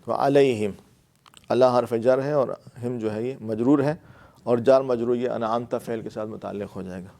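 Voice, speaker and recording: A man's voice: medium pitch, fairly even intonation, vocal fry, warm tone. A man teaching Arabic grammar of the Quran in a classroom lecture, with a Pakistani Urdu accent, explaining patiently and repeating key words with fillers.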